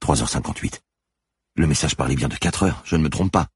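A man's voice: extremely low pitch, a little fast, husky, no echo, pitched above the performer's own voice, heavily acted. A man voicing a terrified young woman mathematician who asks frantic questions. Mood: anxious.

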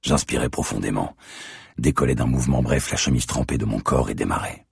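A man narrating an audiobook in a measured, tense first-person storytelling voice. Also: extremely low pitch, creaky, husky, no echo, studio quality.

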